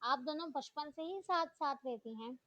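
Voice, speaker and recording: A calm, kind male college teacher, voiced by a woman narrator, asking mild and friendly questions. The voice stays fairly high. The recording is dull and very dry. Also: normal speed, dry recording.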